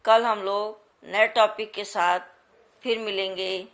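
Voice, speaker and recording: A woman teaching a grammar lesson to schoolchildren, slowly repeating each point and speaking straight to her pupils. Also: medium pitch, fairly even intonation, fairly bright tone. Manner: addresses pupils directly.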